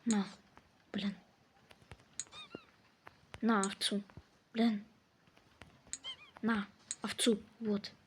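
A woman's voice: mid-range voice, little pitch movement, a little hiss or hum. A woman giving casual let's-play commentary, scolding and swearing at the game characters as she plays. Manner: slow, drawn-out delivery. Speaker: gameplay commentator.

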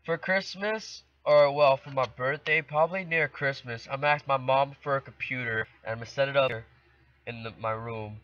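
A man's voice: mid-range voice, normal speed, a bit bright, dry recording. A teenage boy commentating a video game from his bedroom, playfully trash-talking the opponents. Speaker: gaming channel host. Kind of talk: let's play commentary. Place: bedroom at home. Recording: dull lo-fi dry home recording.

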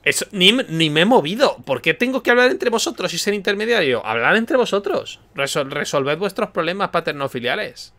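A man's voice: high voice, lively intonation, brisk, hardly any pauses, fairly bright tone. Playful Spanish-accented male streamer. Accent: Spain Spanish. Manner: playful, joking and sarcastic. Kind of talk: casual gameplay commentary.

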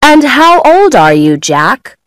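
Friendly lady quizzing kids for course audio, high sing-songy, slow, dry sound. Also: big pitch swings, no room sound, exaggerated voice. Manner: clear, deliberate questions. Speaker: voice on an English course listening recording.

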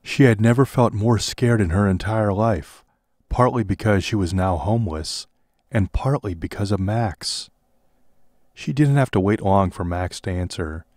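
A man narrating a parody audiobook in a deadpan way. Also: lowish voice, unhurried, no room sound, studio quality.

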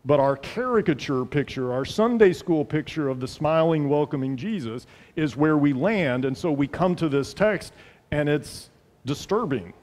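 A middle-aged man, a pastor, gives an earnest, emphatic sermon from the pulpit of a large church sanctuary, repeating phrases for weight. His voice is a little high and darkish, expressive, at normal speed. It's recorded on a headset mic with long hall reverb.

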